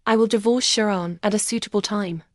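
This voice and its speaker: A woman's voice: mid-range voice, fairly even intonation, brisk, dry recording, clean studio sound, lightly acted. A woman voicing a cold, gloomy young husband in an audio story. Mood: bitter.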